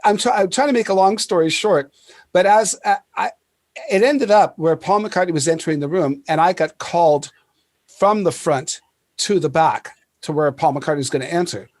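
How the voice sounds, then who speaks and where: A man hosting a casual chat, telling stories in an animated way with laughs and many restarts. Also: on the high side, moderate pace, dry recording, clean studio sound. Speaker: podcast host.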